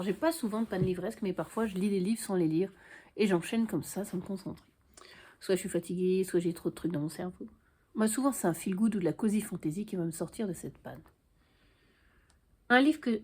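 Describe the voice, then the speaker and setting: A woman's voice: mid-range voice, mellow. A woman book vlogger chatting frankly to the camera at home, with dry little asides. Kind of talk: casual chat to camera.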